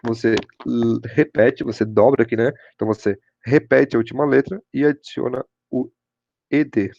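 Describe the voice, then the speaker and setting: Low gravelly Brazilian teacher, lo-fi mic. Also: male voice, steady tone, normal speed, darkish tone, no room sound. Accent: Brazilian Portuguese. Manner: repeats "show de bola" and "pessoal", checks in with students. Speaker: English teacher. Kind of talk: online class explanation.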